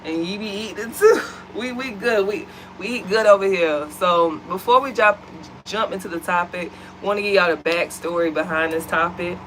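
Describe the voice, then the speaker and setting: Seated at home, an American woman co-hosts a vlog, chatting animatedly with viewers and calling them y'all. Her voice is medium-pitched and fairly bright at a normal speed, on a rough recording with a little hiss or hum.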